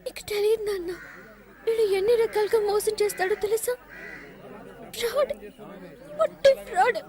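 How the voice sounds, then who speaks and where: A woman's voice: very high voice, moderate pace, a little mellow. An actress playing a headstrong young woman student in a comic film scene, defiant and bossy.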